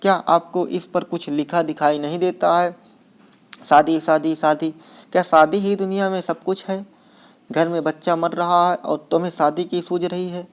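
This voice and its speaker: A man's voice: on the high side, little pitch movement, moderate pace, clean tone, lightly acted. A man reading the part of an anguished young husband who is grieving and angry, his voice rising with emotion.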